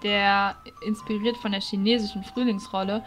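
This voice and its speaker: A woman's voice: medium pitch, flat delivery, normal speed, a bit bright, faint music behind. A woman giving casual let's-play commentary as a YouTuber, chatty and giggly, tossing in English phrases as she reads quest dialogue. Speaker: YouTuber playing a horse-riding game.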